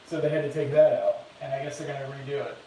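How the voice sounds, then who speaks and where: A man's voice: medium pitch, rapid-fire, mellow. A man co-hosting a casual live stream, offhandedly reading viewer comments aloud inside an empty new house. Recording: distant echoey voice with hiss.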